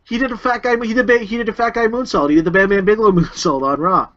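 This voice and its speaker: A man's voice: sits high, steady tone, fast, fairly bright tone. A man co-hosting a casual podcast from a room at home, laid-back and laughing often. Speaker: podcast co-host. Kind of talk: casual chat. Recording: dull lo-fi home recording.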